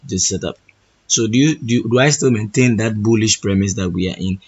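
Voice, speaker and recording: A man with a hoarse, husky voice walking through trading charts, thinking aloud and often restarting his phrases. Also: on the low side, fairly quick, a little mellow, lo-fi sound. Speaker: trading educator.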